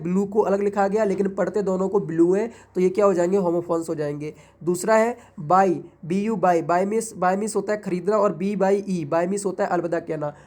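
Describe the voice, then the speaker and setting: A woman tutor walking her students through exam material at a steady, middle pitch. She poses a question, answers it herself, and spells each word out letter by letter. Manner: keeps asking and answering her own rhetorical questions; reads English definitions slowly and deliberately. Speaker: English tutor. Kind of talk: exam-prep lecture.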